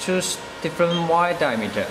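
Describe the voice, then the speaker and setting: A man explaining the settings of a welding machine in a measured, step-by-step voice-over, stressing key words. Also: on the high side, animated, echoey room, long reverb tail, noisy background. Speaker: product demonstrator. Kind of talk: product demonstration voice-over.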